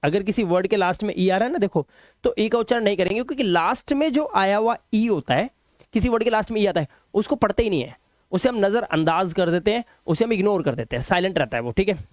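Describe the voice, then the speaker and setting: A man gives an English phonics lesson, repeating each sample word slowly and patiently. His pitch swings widely as he stresses the vowel sounds, and he often stops to ask whether it is clear. The sound is close and dry, with almost no room echo. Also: animated. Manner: explains patiently, repeats words slowly and asks checking questions. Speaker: English teacher.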